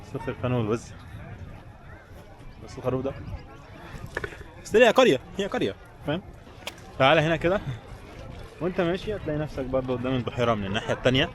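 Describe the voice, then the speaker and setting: With big pitch swings around a medium pitch, a man with an Egyptian Arabic accent races through informal walking-vlog talk to viewers, pausing often. Crowd and street sounds from a busy tourist village come through, along with a little hiss or hum.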